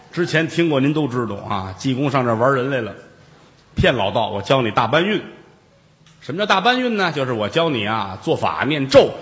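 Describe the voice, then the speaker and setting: A man's voice: medium pitch, a bit bright. A man telling a traditional story, chatting with listeners in asides. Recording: long reverb.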